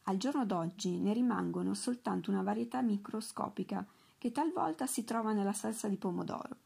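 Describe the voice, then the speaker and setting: A woman reading aloud voices an earnest young female assistant who speaks brisk and insistent in a storybook. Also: medium pitch, gravelly, darkish tone, husky.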